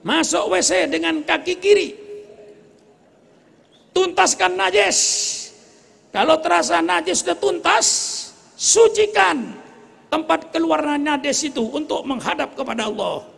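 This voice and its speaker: A man in his eighties preaching a sermon to a gathering, joking with the audience and rising to shouts. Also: very high voice, lively intonation, unhurried, gravelly. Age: 80s. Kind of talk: religious sermon. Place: gathering before a crowd.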